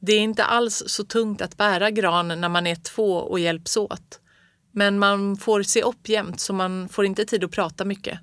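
Calm storybook reader, dry sound. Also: medium pitch, dry recording. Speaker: narrator. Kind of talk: storybook read-aloud.

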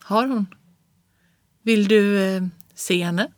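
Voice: medium pitch, dry recording, clean studio sound, close to an everyday voice. A reader voicing a hesitant, anxious professor. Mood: uneasy. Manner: hesitant, halting speech. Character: anxious male professor, middle-aged husband. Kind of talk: audiobook reading of classic prose.

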